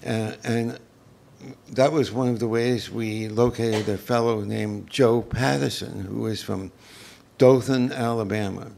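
An older man telling unscripted recollections as an interview guest, in a halting, reflective way. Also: lowish voice, fairly even intonation, gravelly, a little mellow, a little hiss or hum. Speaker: interview guest, former folk festival organizer. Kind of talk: unscripted reminiscence.

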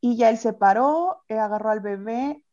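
A woman with a Mexican accent chatting casually, telling a personal story in a lively way and acting out other people's voices. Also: fairly high pitch, moderate pace. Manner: lively storyteller who acts out quoted voices. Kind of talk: casual chat. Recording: slightly muffled lo-fi audio.

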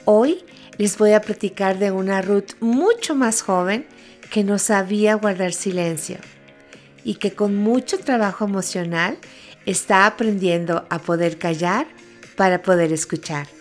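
A woman hosting a podcast, telling personal stories in a reflective, gently humorous way. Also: medium pitch, a little slow. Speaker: podcast host. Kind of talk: personal storytelling monologue. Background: faint background music.

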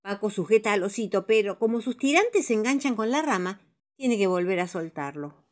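A woman narrating children's stories as a storyteller, with a lively, dramatic reading style. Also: medium pitch, moderate pace.

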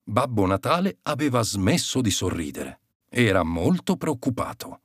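A man narrating a children's story in an animated, expressive way on a close mic. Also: on the low side, moderate pace, slightly rough, dry recording.

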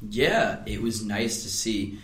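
Young man, sports chat, forceful bright tone, echoey room, animated. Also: lowish voice, slow. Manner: animated, laughs often, breaks into shouting imitations. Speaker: student sports broadcaster, podcast co-host.

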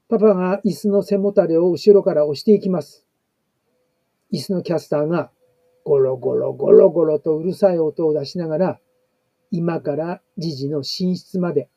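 A man reading a family blog story aloud, in a slow, measured way with pauses. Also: high-pitched, warm tone, no echo, lo-fi sound. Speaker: narrator.

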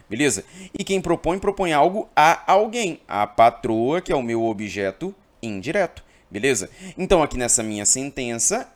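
A man from Brazil teaching an exam-prep grammar lesson, emphatic and always checking in with his listeners. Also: mid-range voice.

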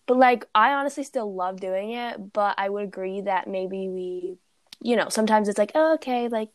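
A woman's voice: mid-range voice, steady tone, moderate pace, no echo. A young woman co-hosting a podcast in casual chat, talking loosely with many fillers and frequent laughs. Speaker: podcast co-host. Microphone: recording remotely.

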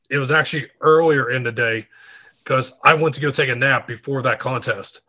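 Bright-voiced man telling stories. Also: medium pitch, highs cut off. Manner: animated anecdote teller, acts out quotes. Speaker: guest, fitness writer. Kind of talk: casual interview storytelling.

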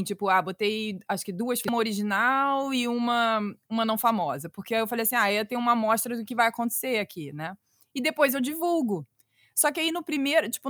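A woman's voice: on the high side, fairly bright tone, no room sound, studio quality. A Brazilian woman in her thirties who makes children's story podcasts, chatting animatedly and slipping into voices as she retells things. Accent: Brazilian Portuguese. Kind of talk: casual interview chat.

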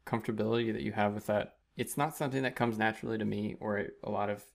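A man's voice: lowish voice, fairly even intonation, quick pace, gravelly. A man who works as an animator, speaking thoughtfully in a casual interview.

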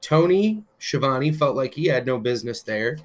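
Male co-host, casual and eager fan, mid-pitched, filler-heavy. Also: normal speed. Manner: excited fan talk with frequent "um" fillers and some cursing. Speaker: podcast co-host. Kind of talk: casual wrestling news chat.

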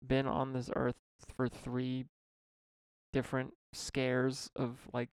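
Joking gravelly young man. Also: medium pitch, monotone, takes it slowly, dry recording. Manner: joking, asks rhetorical questions, laughs often. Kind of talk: casual chat.

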